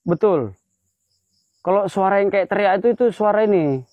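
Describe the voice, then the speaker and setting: Excitable high-voiced man in a graveyard at night. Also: normal speed, no room sound. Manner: excitable, keeps exclaiming and pointing things out. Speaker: ghost-hunting vlogger. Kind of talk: night ghost-hunting vlog. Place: cemetery at night, outdoors. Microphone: phone. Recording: slightly dull lo-fi phone audio.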